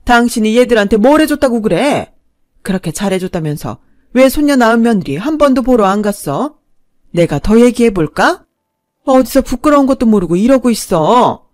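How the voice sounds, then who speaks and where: A woman voicing a blunt middle-aged woman who rebukes an older woman forcefully. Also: fairly high pitch, very animated, moderate pace. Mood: scolding.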